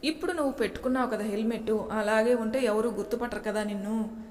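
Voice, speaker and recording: A woman's voice: on the high side, fast, darkish tone, slight background noise, natural voice. A woman voicing a lazy middle-aged office colleague who jokes and teases. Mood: teasing. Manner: teasing, jovial banter. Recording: long reverb echo.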